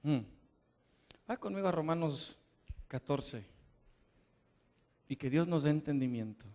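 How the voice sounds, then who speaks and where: A middle-aged man preaching a sermon to a live congregation in a church, emphatic, repeating his questions and building up to shouts. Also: fairly high pitch, lively intonation, a little slow.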